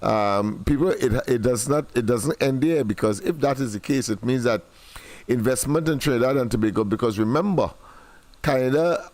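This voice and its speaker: A man's voice: medium pitch, normal speed, a little mellow, dry recording. A man hosting a political talk show, speaking in formal phrases with frequent hesitations and restarts. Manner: hesitant, many fillers and restarts, formal wording.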